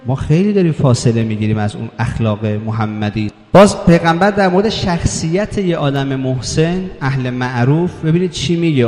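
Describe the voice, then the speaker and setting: A man with a somewhat high voice preaches a religious sermon, recites Arabic scripture and presses his listeners with rhetorical questions. His voice rings through a reverberant hall. Soft music plays faintly underneath.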